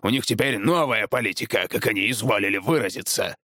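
Guy doing a grumpy shouty woodcutter dad, blustering, dry read. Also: on the low side, brisk, no room sound. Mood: angry. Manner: barking, blustering. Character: gruff hot-tempered mustached woodcutter.

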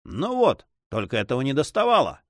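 A man voicing an excitable, easily discouraged male sailor who complains and exclaims. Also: fairly high pitch, normal speed, dry recording, studio quality, pitched above the performer's own voice.

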